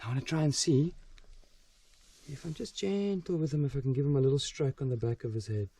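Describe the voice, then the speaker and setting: A man presenting wildlife to camera outdoors at night, full of wonder and often dropping to a hushed, gentle voice. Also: mid-range voice, a little fast, vocal fry, breathy edge, far from the mic. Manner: awed, repeats exclamations of wonder. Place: outdoors at night in a forest by water.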